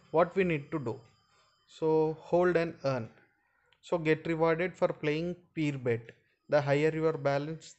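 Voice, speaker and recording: Male video host, Indian accent, slightly high voice, informal instructional delivery that repeats points for viewers. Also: a little mellow, lo-fi sound. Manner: instructional, repetitive, addressing viewers often. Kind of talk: informal screen-share tutorial.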